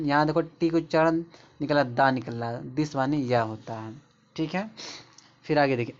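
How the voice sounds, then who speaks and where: A man explaining English pronunciation rules, pointing at examples and repeating them. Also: a little high. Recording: dull lo-fi recording.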